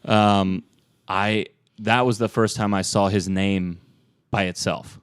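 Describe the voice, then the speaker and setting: Male podcast host, smooth lowish voice, casual profane rambler. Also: fairly even intonation, takes it slowly. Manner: rambling, loose and profane with many fillers. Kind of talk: casual chat.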